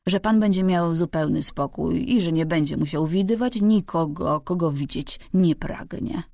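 Hoarse old manservant, read by a woman. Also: fairly low pitch, normal speed, mellow, no echo, clean studio sound. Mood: formal. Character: thin old male servant, stiff.

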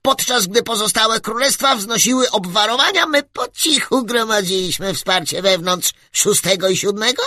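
A man voicing a tiny fanged creature ruler who speaks through a megaphone in a squeaky, gloating voice of grand threats. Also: bright, forceful tone, no echo, exaggerated voice. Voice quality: squeaky, piping little voice.

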